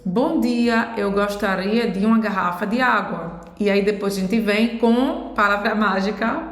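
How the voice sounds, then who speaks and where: A woman teaching a pronunciation lesson, explaining slowly and step by step. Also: medium pitch. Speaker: French teacher. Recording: echoey room.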